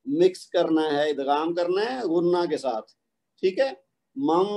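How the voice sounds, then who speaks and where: Patient Pakistani male tutor, fairly high and mellow, explains and then slowly recites examples for students to repeat. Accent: Pakistani Urdu. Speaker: Quran recitation teacher. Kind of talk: online tajweed lesson.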